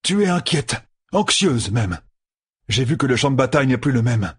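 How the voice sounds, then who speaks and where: A man's voice: medium pitch, sing-song, normal speed, husky, no room sound, clean studio sound, voice pushed up. A man voicing a stubborn, worn-out young lord. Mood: insistent. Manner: insistent, pressing questions. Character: exhausted young male lord, urgent, stubborn. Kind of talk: audiobook character voice.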